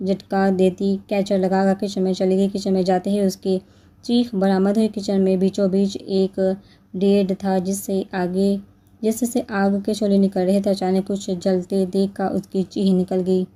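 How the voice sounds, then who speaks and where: A woman narrating a romance novel in a steady, measured reading voice. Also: mid-range voice.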